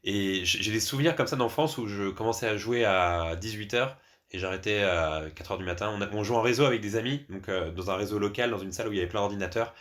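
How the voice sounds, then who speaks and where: A man with a French accent from France is a podcast guest, telling personal anecdotes casually and conversationally. His voice is on the low side and fairly bright in tone, and he talks fast.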